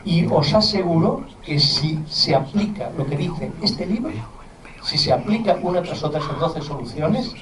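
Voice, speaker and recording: Middle-aged lecturer, mild Andalusian accent, earnest and chatty, distant mic in an echoey hall. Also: male voice, fairly high pitch, animated, moderate pace. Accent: mild Andalusian Spanish. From southern Spain. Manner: earnest, conversational lecturing with asides to the audience. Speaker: physician and university lecturer. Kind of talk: public lecture to parents. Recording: roomy hall, distant mic, faint background noise.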